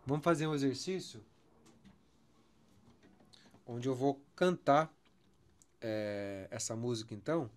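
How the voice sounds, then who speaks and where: A man's voice: mid-range voice, slow, long pauses, a little mellow. A man with a Brazilian Portuguese accent teaching a songwriting lesson, counting syllables aloud and stretching words as he goes. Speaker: music teacher.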